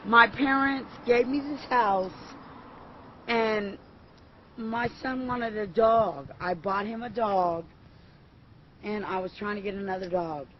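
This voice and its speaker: A woman talking in an agitated, casual way. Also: medium pitch. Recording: muffled, slightly noisy clip.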